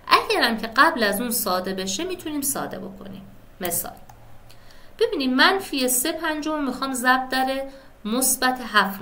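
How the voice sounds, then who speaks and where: A woman's voice: fairly high pitch, sharp tone. A woman teaching a math lesson step by step, often checking in with her students by asking "right?". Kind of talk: step-by-step classroom explanation.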